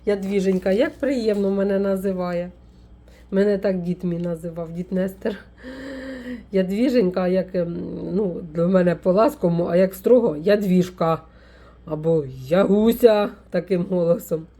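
A woman from Ukraine, a folk witch vlogger, chatting warmly as she unpacks a parcel, full of fond diminutives. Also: on the low side, fairly even intonation, normal speed. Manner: warm, doting, with many fond diminutives. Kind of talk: casual unboxing vlog.

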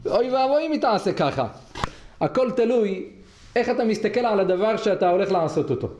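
A man, a rabbi, giving a weekly Torah lesson in a study hall with lively storytelling and rhetorical questions. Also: sits high, lo-fi sound. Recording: echoey hall, faint noise.

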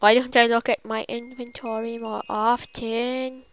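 A woman doing silly, excitable let's play commentary as she plays a game. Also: fairly high pitch, a little slow. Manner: silly, goofy, excitable, jokey. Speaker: gaming channel host.

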